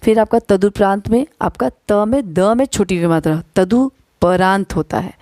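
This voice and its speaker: A woman's voice: medium pitch, mellow, no echo. A woman teaching an exam-prep spelling lesson, spelling words out letter by letter and often checking in with her students. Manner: slows down to dictate syllables. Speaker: Hindi teacher.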